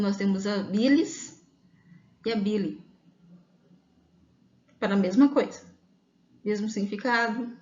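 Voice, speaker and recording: A woman with a Brazilian accent teaching an online grammar lesson, patiently explaining and often checking in with her listeners. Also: on the high side. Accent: Brazilian Portuguese. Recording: echoey room, dull lo-fi sound.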